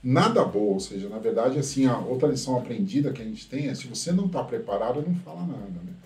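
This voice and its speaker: A man's voice: mid-range voice, lively intonation, fast talker, a little mellow. A man hosts a casual tech commentary. He is critical and keeps tagging his sentences with a questioning "right?". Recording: roomy echo from a distant mic.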